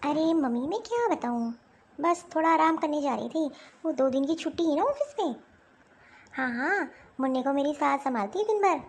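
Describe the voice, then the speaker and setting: A woman's voice: high-pitched, lively intonation, moderate pace. A woman voicing a rude, bossy young working daughter-in-law in a cartoon story. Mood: chatty. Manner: scolding, bossy, dismissive. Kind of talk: Hindi cartoon dialogue.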